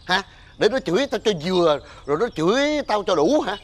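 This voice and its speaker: An actor playing an irritable, superstitious older father, scolding loudly in a TV sitcom. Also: fairly high pitch, sing-song, quick pace. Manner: scolding, blustering, loud rants. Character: irritable superstitious old father, Tết-obsessed. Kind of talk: TV sitcom acting.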